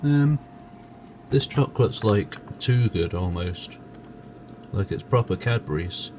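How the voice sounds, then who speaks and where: Slow but animated, a lowish-voiced man hosts a video with rambling, casual commentary against a noisy background. He's self-mocking and grumbly, dropping in mild swear words.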